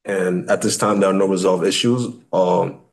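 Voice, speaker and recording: Male, 30s, American, lowish voice. City planner giving a formal, slightly halting slide presentation. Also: fairly even intonation. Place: indoor meeting room at a table.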